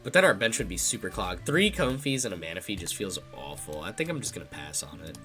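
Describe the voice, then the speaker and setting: A young man thinks aloud as he narrates his own card game match live, his voice congested and slightly nasal yet deep. He talks fast in a sing-song, bright, forceful way, with faint music in the background.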